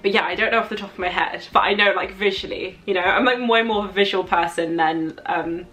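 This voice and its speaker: A woman's voice: fairly low pitch, steady tone, fast talker, fairly bright tone, rough recording. A young adult woman with a London accent chatting casually as she answers viewer questions, thinking aloud in a rambling way with frequent asides. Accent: London English. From London, England.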